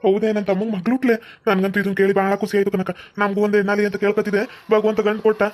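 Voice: medium pitch, little pitch movement, quick pace, darkish tone, lightly acted. Voice actor doing a fretful village uncle. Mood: fretting. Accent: North Karnataka Kannada. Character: middle-aged village man, worried uncle.

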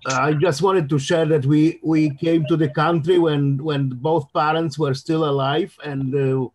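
A man making brief, halting, polite remarks as an audience member on a video call. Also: fairly high pitch, steady tone, darkish tone, low-quality recording.

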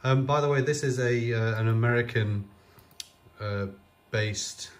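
Speaking a little slowly in a medium-pitched voice, a computer restoration vlogger comments casually off camera as he works on an old machine. He sounds hesitant, thinking aloud with many fillers.

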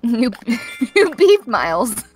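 Giggly young woman, high lively voice. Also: slow pace, faint music behind. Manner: giggly, teasing, laughs often. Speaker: guest streamer. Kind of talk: casual chat while gaming.

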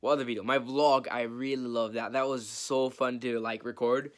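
A man's voice: mid-range voice, steady tone, moderate pace. A teenage boy talking to camera from his messy bedroom, answering viewer questions in a rambling, self-mocking way and laughing often. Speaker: YouTube vlogger. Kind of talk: casual Q&A vlog to camera.

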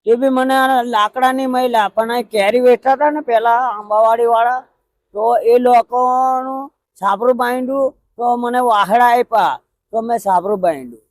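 An elderly man from Pavagadh, Gujarat, talking outdoors by a roadside hut in a halting, plaintive, repetitive way. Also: very high voice, dry recording. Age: older. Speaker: interviewee. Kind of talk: emotional conversational interview.

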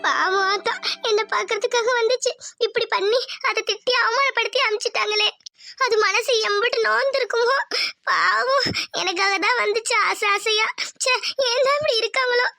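Squeaky high cartoon village wife, poor and gentle, soft weepy pleading, a lady doing it. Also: steady tone, brisk, faint music behind. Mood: sorrowful. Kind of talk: cartoon voice acting.

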